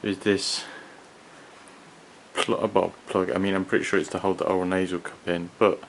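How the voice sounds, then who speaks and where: A man giving an unscripted hands-on product review in a hesitant, halting, rambling manner. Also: low voice, flat delivery, rough recording. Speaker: gas mask collector and reviewer. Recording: clearly audible background noise.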